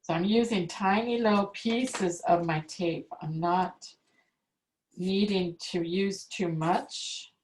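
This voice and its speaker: A woman's voice: lowish voice, fairly even intonation, a little mellow, a little hiss or hum. A woman teaching an online calligraphy class, patiently explaining each step as she demonstrates. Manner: slow, patient step-by-step instruction. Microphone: video call. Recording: echoey room on a video call.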